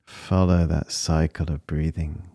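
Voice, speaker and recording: A man guides a breathing meditation in a low, mellow voice. He speaks slowly and soothingly, leaving long pauses between short, calm phrases. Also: husky, dry recording, clean studio sound.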